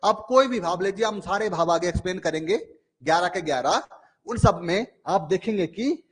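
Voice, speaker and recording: A man with a high voice teaches a live online class. He talks through everyday examples, drops into a lower voice to act out little inner dialogues, and keeps pausing to check that students follow. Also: animated, slightly rough. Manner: explains with everyday examples, keeps asking "ठीक है?". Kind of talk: online exam-prep lecture.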